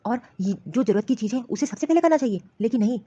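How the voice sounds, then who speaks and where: A woman playing a fast-talking scolding husband. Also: medium pitch, animated, darkish tone, highs cut off, slight background noise, lightly acted. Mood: concerned, scolding. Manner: scolding, rapid and insistent. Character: grown son and worried husband, office worker. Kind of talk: animated story voice acting.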